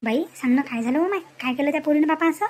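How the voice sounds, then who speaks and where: For a comedy cartoon, a woman plays a chatty, scolding village gossip full of indignation, speaking rural dialect with a Varhadi Maharashtrian accent. She talks fast in a high voice with a darkish tone, acting only lightly.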